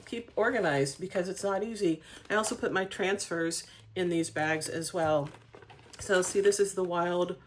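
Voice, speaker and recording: A woman hosting a casual craft tutorial at home, talking in a chatty, rambling way with frequent ums and light laughs. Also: mid-range voice. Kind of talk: casual how-to demonstration.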